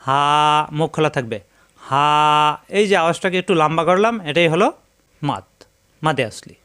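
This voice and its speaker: A man's voice: fairly high pitch, lively intonation, fast, a bit bright, clear, resonant tone. A man teaching a Quran recitation lesson, patiently repeating rules and drawing out letter sounds for students to memorize. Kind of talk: step-by-step tajweed lesson.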